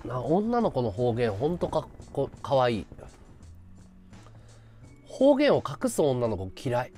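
Animated Japanese streamer, very lively pitch. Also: male voice, slow pace, soft background music. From Chiba, Japan. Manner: rambling, animated, laughing at his own stories. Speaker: live streamer. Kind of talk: casual chat with viewers.

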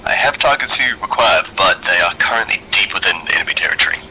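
A man's voice: deep voice, expressive, brisk, vocal fry, heavy background noise. A man acting as air controller, giving terse, clipped procedural calls over a radio channel. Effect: heard over a radio channel.

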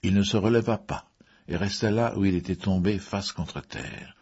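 A man narrating a mystery story in a measured way, with the odd filler. His voice is low and husky. The recording is dull and muffled. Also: a little mellow. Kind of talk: audiobook reading.

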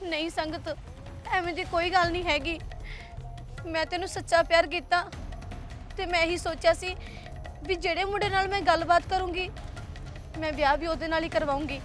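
A woman's voice: very high-pitched, fairly even intonation, brisk, a bit bright, soft background music. A young woman with a Punjabi accent, acting in a melodramatic short film, pleading and insistent.

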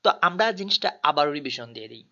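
A man's voice: fairly high pitch, lively intonation, racing, pushed and bright. A man teaching a tutorial, patiently spelling out letters one by one. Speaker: language tutor. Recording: dull lo-fi recording.

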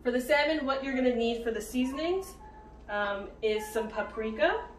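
A young adult woman with a high voice hosts a home cooking video, giving casual, informal instruction at a normal speed in her indoor home kitchen. She sits some distance from the mic, so the sound is roomy and echoey, with music playing behind her.

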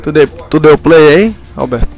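A man's voice: on the high side, expressive, moderate pace, a little mellow, soft background music. A man chatting enthusiastically with friends while streaming a game. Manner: enthusiastic, chatty, says "cara" a lot. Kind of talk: casual gaming chat.

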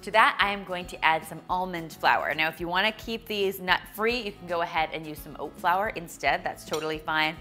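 Bright, bubbly woman cooking host. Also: lowish voice, fairly quick, few pauses, faint music behind. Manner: bubbly and chatty, addresses viewers directly. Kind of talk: upbeat recipe demonstration. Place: bright home kitchen studio.

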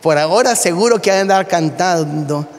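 A man preaching a sermon as a pastor, telling animated stories and calling his listeners brother. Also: high-pitched, normal speed, a little hiss or hum. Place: church hall. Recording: long hall reverb.

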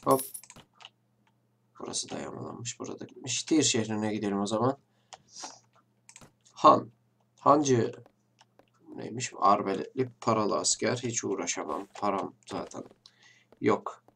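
A man's voice: on the low side, lively intonation, a little slow, vocal fry, pauses often, pushed and bright, slight background noise. A man hosting a casual let's-play, chatting to viewers at a desk mic and trading mock-tough banter, with a blocked nose. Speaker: gaming channel host. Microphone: desk microphone. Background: faint game music and keyboard clicks.

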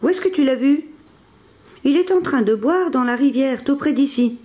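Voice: high voice, lively intonation, normal speed, darkish tone, voice pushed up. Josette, a reader doing a chatty, fretful friend. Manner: curious questions, worried asides. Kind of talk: storybook read-aloud.

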